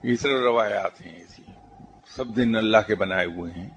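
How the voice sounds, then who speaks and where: The man's voice is on the low side as he gives a religious talk, answering a question by narrating stories calmly and steadily, with some English terms mixed in. A slight hiss or hum can be heard.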